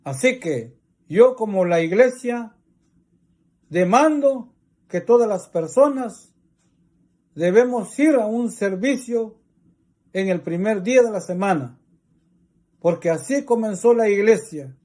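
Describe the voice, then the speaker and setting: A man with a Mexican Spanish accent, preaching a religious teaching in slow, deliberate, repetitive phrases. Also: high-pitched, expressive, darkish tone.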